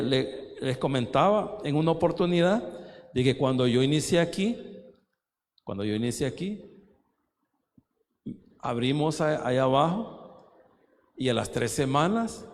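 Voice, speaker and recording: Male pastor, sermon, fairly high voice, emotional, repeats himself, long reverb in a church. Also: a little mellow. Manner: emotional, repeats phrases, calls listeners brother. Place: church sanctuary.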